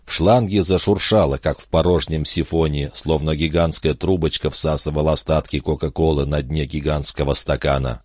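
A man reading an audiobook in steady, measured scripted narration. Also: extremely low pitch, no room sound, clean studio sound.

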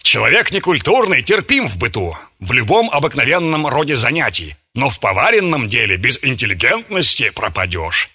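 A man's voice: medium pitch, very animated, normal speed, hardly any pauses, sharp tone, slightly rough, full character voice. A man voicing a jovial, gluttonous army chaplain who lectures pompously. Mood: pompous lecturing. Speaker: military chaplain.

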